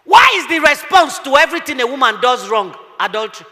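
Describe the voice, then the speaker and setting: A middle-aged woman pastor, preaching fervently with rhetorical questions and shouted bursts. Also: high voice, big pitch swings, fast. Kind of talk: sermon. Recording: echoey hall.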